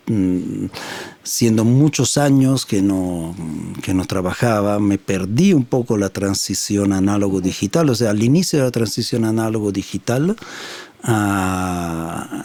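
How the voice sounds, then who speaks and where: A man in his fifties speaks in a low, mellow voice with an Italian accent. He is a native Italian speaker, answering in a halting, thoughtful way full of pauses and restarts. He is recorded in a quiet recording studio. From Italy. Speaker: sound engineer and studio founder, guest. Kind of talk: casual interview answers.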